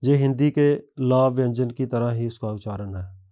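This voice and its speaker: A man narrating a scripted language lesson, reading word lists one by one in a measured way. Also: medium pitch, dark tone. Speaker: language teacher.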